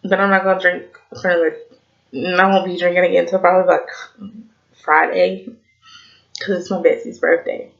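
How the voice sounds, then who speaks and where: A Southern US woman in her twenties, tipsy and slightly slurring, rambles through a casual TV review vlog, swearing and saying "like" constantly. Her voice is lowish and level, fairly quick, with vocal fry and frequent pauses. The audio is dull.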